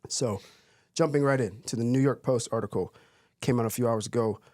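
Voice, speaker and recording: A man's voice: medium pitch, fairly quick, a little mellow, no room sound, clean studio sound. A man hosting a podcast in a playful, joking, upbeat manner. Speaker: podcast host. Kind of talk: casual podcast talk.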